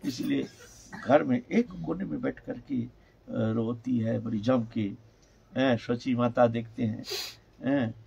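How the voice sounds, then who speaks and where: Older guy preaching a devotional story, super slow, husky creaky voice, keeps tacking on "hain". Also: mid-range voice, dark tone, lo-fi sound. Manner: emphatic, drawn-out phrases, frequent "hain" tags. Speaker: spiritual teacher.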